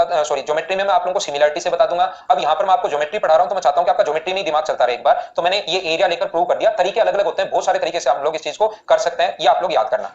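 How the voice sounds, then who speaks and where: A man teaching maths in a live online class, explaining steps rapidly and repeatedly asking students questions. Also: fairly high pitch, dull audio.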